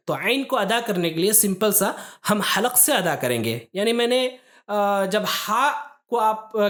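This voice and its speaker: A woman teaching a recitation lesson, explaining letter pronunciation step by step and pausing often to check that students follow. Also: mid-range voice. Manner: patient, step-by-step explaining with frequent "theek hai" checks.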